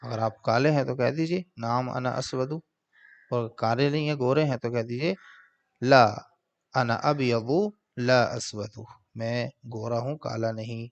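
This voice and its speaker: A man teaching an Arabic grammar lesson, translating word by word in a slow, patient way. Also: mid-range voice, fairly even intonation, vocal fry, lo-fi sound.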